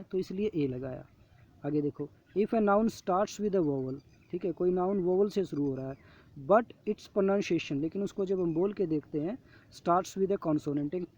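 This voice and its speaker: A man with an Indian accent teaching an English grammar lesson, explaining patiently to students and reading the English examples out slowly. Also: high voice, warm tone. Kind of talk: classroom lesson explaining a worksheet. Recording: dull lo-fi audio.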